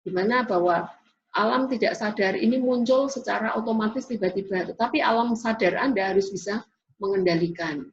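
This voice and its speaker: A woman's voice: mid-range voice, brisk. A woman giving a classroom lecture in an explanatory way, often tagging sentences with a questioning "ya". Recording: dull lo-fi recording.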